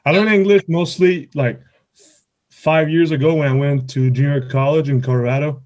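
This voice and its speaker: A man's voice: on the high side, fairly even intonation, moderate pace, darkish tone, lo-fi sound. Young man with a Quebec French accent. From Quebec, Canada. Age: 20s. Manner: informal, rambling, peppered with "like". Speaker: college baseball player, podcast guest. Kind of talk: casual interview answers.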